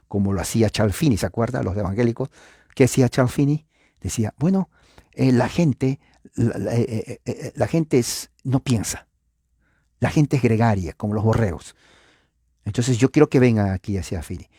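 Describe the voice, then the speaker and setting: A man's voice: medium pitch, warm tone, dry recording, clean studio sound. A man teaching church history in an informal lecture, asking his listeners rhetorical questions and using frequent filler sounds. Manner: speaks directly to viewers.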